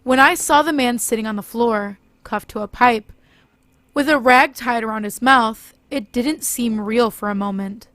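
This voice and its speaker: Casting: female horror narrator, fairly high voice, dry close sound. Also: normal speed, a bit bright, dry recording.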